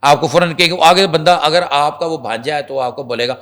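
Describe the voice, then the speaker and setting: A man, a senior journalist, telling a story as a guest on a talk show. He talks to the viewers directly and acts out what people said. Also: fairly high pitch. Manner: animated storyteller, acts out quotes; restarts and fillers, addresses viewers directly. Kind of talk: conversational talk show commentary.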